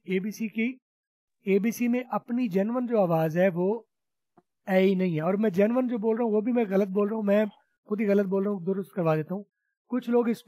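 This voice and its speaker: A man's voice: sits high, mellow, no echo. A man teaching spoken English in an online class, patiently explaining and repeating sounds for students to copy. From Pakistan. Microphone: video call.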